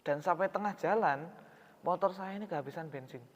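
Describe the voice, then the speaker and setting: A male preacher voicing a grieving middle-aged father who speaks in a quiet, subdued way, in an echoing hall. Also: high-pitched, a little fast. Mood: hurt, quiet. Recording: reverberant hall, dull sound.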